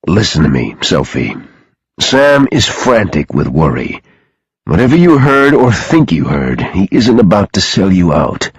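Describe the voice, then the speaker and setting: A male narrator voicing a stern, protective grown man who speaks in a calm, even, firm way. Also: deep voice, measured pace, breathy edge, dry recording, full character voice.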